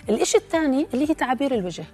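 A woman, a life skills trainer explaining things in an animated way as a guest on a TV talk show. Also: sits high, rapid-fire.

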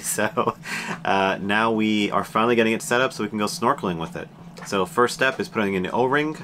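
A man in his thirties with a lowish voice talks casually to his camera from a small boat cabin, relaxed and chatty, laughing lightly now and then. There is a faint hum of background noise behind him. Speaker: sailing vlogger. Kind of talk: casual vlog narration.

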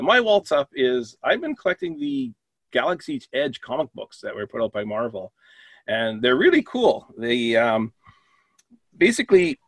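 A man's voice: mid-range voice, no room sound. A man talking casually as a panelist on a podcast. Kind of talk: casual chat.

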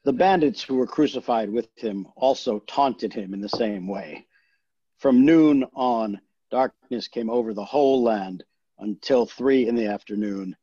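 Man, scripture reading in worship, solemn and measured, husky voice, dry muffled recording. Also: medium pitch, warm tone, dry recording. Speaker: scripture reader.

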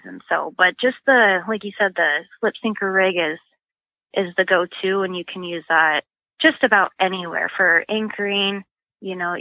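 A woman's voice: fairly low pitch, no room sound. Woman, casual fishing guest, chatty, practical, lo-fi dry call audio. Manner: chatty, practical, many fillers like um and you know. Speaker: guest, sponsored catfish angler. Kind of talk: casual interview explanation.

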